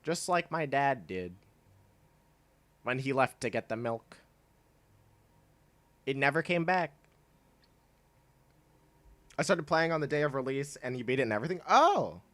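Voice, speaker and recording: Stuffy-nosed from blocked sinuses, this young streamer rambles through a relaxed chat with his audience, reading and responding to messages, frequently breaking off mid-thought and laughing. His voice sits mid-range, a bit bright, very animated yet a little slow with long pauses, recorded with no room sound.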